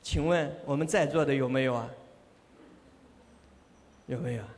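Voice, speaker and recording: A man giving a Buddhist sermon as a monk, telling lively stories with rhetorical questions and self-confession. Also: mid-range voice, normal speed. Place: monastery hall. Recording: long hall reverb.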